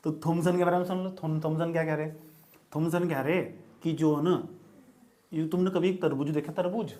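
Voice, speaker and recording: Joking male teacher, slightly high voice. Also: steady tone, normal speed, dark tone. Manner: joking, keeps checking that students understand. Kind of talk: classroom lecture. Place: classroom with students.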